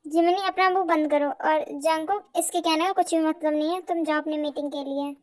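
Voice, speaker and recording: A woman voicing a gentle, long-suffering young wife who speaks softly and soothingly, in an amateur fan audio drama. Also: sits high, fairly even intonation, fairly quick, close to an everyday voice. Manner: soothing, soft, placating.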